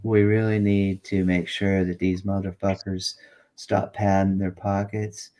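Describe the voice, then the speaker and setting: A man's voice: low-pitched, little pitch movement, a little slow, mellow. A man in his late fifties in casual, rambling chat, cursing freely. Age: late 50s. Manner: rambling, profane.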